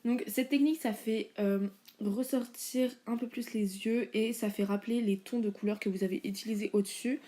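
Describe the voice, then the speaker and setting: A woman's voice: on the high side, fairly even intonation, normal speed, dark tone. A young woman chatting casually through a makeup tutorial, with many fillers and informal slang. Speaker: beauty vlogger.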